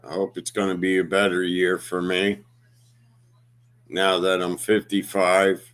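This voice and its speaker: A man in his fifties chats to his livestream audience in an unhurried, halting way, full of fillers and pauses. His voice sits somewhat low and comes across smooth and clear. He talks at a very slow pace. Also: completely flat delivery, fairly bright tone. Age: 50s. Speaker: livestream host. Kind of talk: casual livestream chat.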